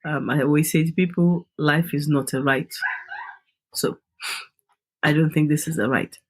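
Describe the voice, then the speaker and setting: A woman's voice: sits low, fairly even intonation, moderate pace. Middle-aged Nigerian woman, Nigerian accent, emphatic interview guest. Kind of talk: podcast interview.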